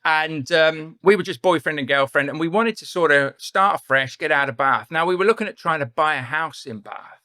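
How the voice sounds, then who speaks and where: A middle-aged Englishman with a West Country accent tells his story as a podcast guest. His voice sits a bit high and bright, and he rambles and corrects himself as he goes. The sound is dry and close. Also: normal speed, dry recording. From England. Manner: rambling, self-correcting, chatty. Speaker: podcast guest, property investor. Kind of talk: casual storytelling interview.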